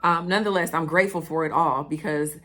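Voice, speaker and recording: A woman hosting her own podcast, talking fast and excitedly in a casual, direct way to her listeners and speaking of God. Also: deep voice. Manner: chatty, addresses listeners directly. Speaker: podcast host. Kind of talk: casual solo podcast talk.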